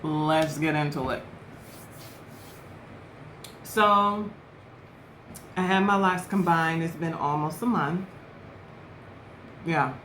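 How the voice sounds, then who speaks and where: A woman in her twenties or so chats to camera in an unhurried, easygoing way, her voice sitting a little low. The room around her rings with echo, and a faint hiss sits under her words. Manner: relaxed, chatty, eating while talking. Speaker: vlogger. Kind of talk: casual chat to camera.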